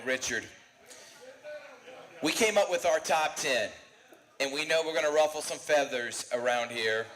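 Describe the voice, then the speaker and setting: A man hosts a live sports talk show and runs through rankings at an eager clip. His voice sits a little high for a man. Some light noise hangs under the recording. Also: a bit bright, poor audio. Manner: fast, enthusiastic rundown of rankings. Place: bar and grill.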